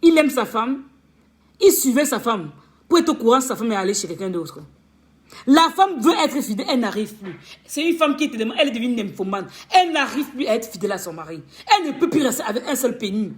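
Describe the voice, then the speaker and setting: A woman's voice: fairly high pitch, sing-song, fairly quick. A woman relationship coach giving an impassioned, scolding rant on a live stream, firing off rhetorical questions and stammering over repeated words.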